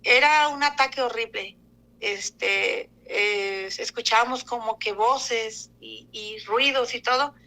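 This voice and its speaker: A woman giving an emotional personal testimony, talking haltingly with many fillers and restarts. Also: on the high side, bright, forceful tone, rough recording. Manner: fearful, emotional retelling.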